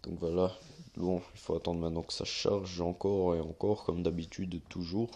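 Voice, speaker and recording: A young man with a very low, deep voice talks viewers through a phone tutorial in a loose, unscripted way. He rambles, hesitates with fillers, and corrects himself as he goes. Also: little pitch movement, normal speed, mellow. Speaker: YouTuber giving a tutorial. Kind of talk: casual screen-recorded tutorial.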